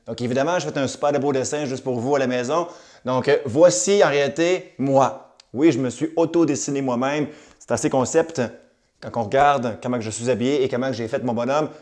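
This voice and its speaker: A man's voice: mid-range voice, brisk, darkish tone. A man with a Québécois accent teaching a recorded math lesson, upbeat and cracking jokey asides.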